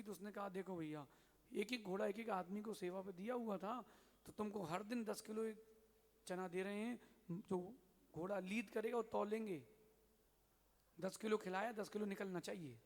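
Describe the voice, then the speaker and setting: A high-voiced man preaches a sermon as a Jain monk. He tells a folk tale with lively, acted-out dialogue. His voice rings with long reverb in a temple hall. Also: normal speed. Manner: lively storyteller acting out dialogue. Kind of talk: sermon with storytelling.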